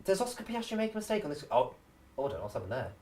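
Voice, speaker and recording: A man's voice: on the high side, big pitch swings, rapid-fire, a little mellow. A man hosting live motorsport commentary, calling the action and bringing in his co-commentators.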